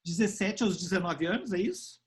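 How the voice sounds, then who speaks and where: A man's voice: high-pitched, expressive, fairly quick, breathy edge. A man moderating an online Q&A, introducing the guest informally with fillers. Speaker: event moderator. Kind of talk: casual moderating on a call.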